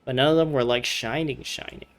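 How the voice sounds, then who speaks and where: A woman giving casual, chatty commentary over a game playthrough, full of fillers and loud reactions. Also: a bass voice, steady tone, a little fast, slight background noise. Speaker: gameplay commentator.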